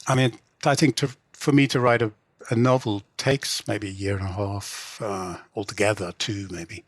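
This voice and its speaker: Here the same kind of speaker, a middle-aged Englishman who translates and writes novels, has a lowish voice with fairly even intonation. His casual interview talk is halting, full of restarts and "you know" fillers, and the recording carries no room sound.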